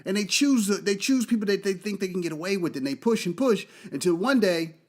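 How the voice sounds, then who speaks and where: A man with a high voice gives an impassioned monologue as a podcast host. His pitch swings widely as he hammers his points home. He swears freely and repeats phrases for force. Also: lively intonation, brisk. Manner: emphatic, profane, repeats key phrases for force.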